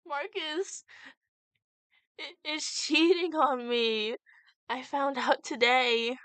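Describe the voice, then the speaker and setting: A shaken, heartbroken young woman from a fan story, read aloud by a woman. She halts and stammers, slow and fairly high, and the sound is dry and close. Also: fairly even intonation, sharp tone, dry recording, full character voice. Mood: shaky, upset. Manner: halting, stammering delivery.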